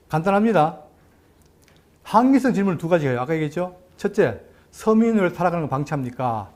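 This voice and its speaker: A man's voice: on the high side, a little mellow. A middle-aged man, a pastor, teaches a Bible lecture sermon. He asks his congregation questions and answers them himself, and he reads scripture aloud in a formal recital.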